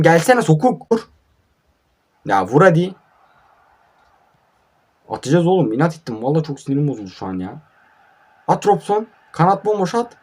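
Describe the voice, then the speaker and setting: A man's voice: mid-range voice, a little mellow. A young man talks over his own football game at night with a mid-range voice. He sounds sleepy and grumbles through the play, flaring up in irritation at his own players. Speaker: mobile football gamer. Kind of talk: casual live gameplay commentary. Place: at home at night.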